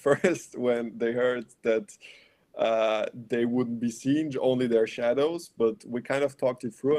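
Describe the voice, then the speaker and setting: A young man raised in Austria with Bulgarian as his first language, answering questions as a film director at a festival Q&A in a halting, reflective way. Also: medium pitch, warm tone. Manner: halting and reflective, with light laughs.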